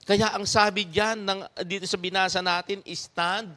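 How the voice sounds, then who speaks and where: A male pastor delivers an easygoing sermon, his voice sitting slightly high. He chuckles often and keeps throwing rhetorical questions to the congregation. His delivery stays animated and talky. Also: normal speed. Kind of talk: conversational sermon.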